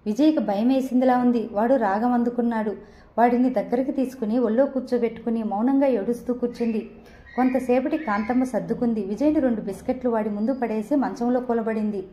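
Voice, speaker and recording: A woman narrating a novel in a steady storytelling manner. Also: fairly high pitch, brisk. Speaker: audiobook narrator. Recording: dull, roomy echo.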